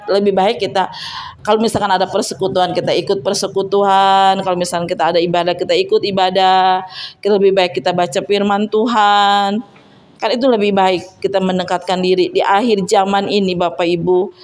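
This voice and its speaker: A woman's voice: mid-range voice, a little mellow. Woman w/ ish doing a church testimony, earnest, repeats herself, keeps asking the room "right?". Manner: earnest, repetitive, addresses listeners with rhetorical tags. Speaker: church fellowship speaker giving testimony. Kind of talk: personal testimony and exhortation.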